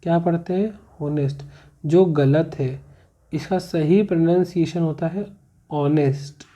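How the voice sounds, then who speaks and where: A man teaching grammar in class goes over each rule more than once and puts questions to the students as he proceeds. He speaks at a normal speed in a warm, fairly high voice, captured on a muffled, somewhat lo-fi recording.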